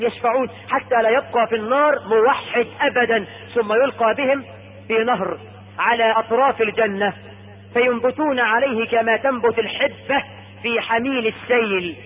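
High-voiced Egyptian preacher, husky. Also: male voice, phone-quality sound. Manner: storytelling, drawn-out emphatic lines. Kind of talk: sermon. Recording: echoey hall over radio broadcast.

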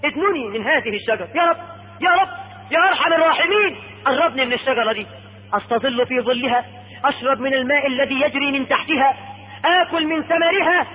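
A man's voice: quick pace, narrow, tinny audio. A preacher acting out a begging man. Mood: pleading. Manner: imploring, high and urgent pleas. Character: pleading man begging at paradise's gate. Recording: echoey hall over radio.

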